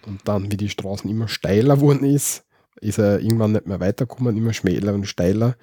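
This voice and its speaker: A man's voice: on the low side, fairly quick, dark tone, dry recording, studio quality. A man with an Austrian accent, chatting easily as co-host of a podcast and explaining dialect words. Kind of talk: casual podcast chat.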